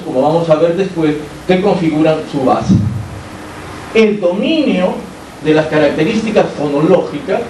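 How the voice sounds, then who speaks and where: A man's voice: high voice, a little mellow. A man from Peru with a Peruvian Spanish accent gives an academic lecture as a university lecturer. He explains things step by step and keeps checking in with his listeners through rhetorical questions. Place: lecture hall. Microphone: amplified by a sound system, recorded from the room. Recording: echoey hall, distant mic, faint hiss.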